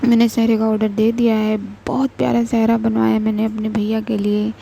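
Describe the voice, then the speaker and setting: A woman's voice: a little high, monotone, brisk, creaky, mellow, a little hiss or hum. A woman voicing Mahi, a chatty young city woman. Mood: cheerful. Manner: chatty and affectionate. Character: lively young city woman, bride's sister.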